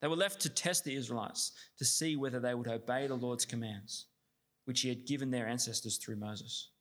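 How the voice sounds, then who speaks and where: A man's voice: mid-range voice, a little fast, a bit bright. A man reading scripture steadily, then preaching with many fillers and restarts.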